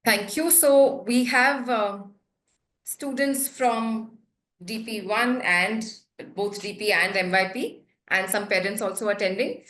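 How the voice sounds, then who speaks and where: A woman with a polished Indian accent speaks in an echoey room. Her pitch is average and her delivery is formal and courteous, like a prepared presentation from a webinar host. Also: slow pace, a bit bright. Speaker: webinar host, head of academics.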